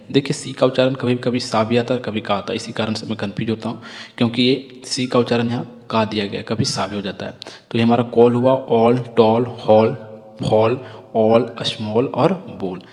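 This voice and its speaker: A man's voice: medium pitch, darkish tone. A man teaching English reading rules, explaining patiently, repeating each point and asking questions he then answers himself. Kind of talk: explaining lesson. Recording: long reverb.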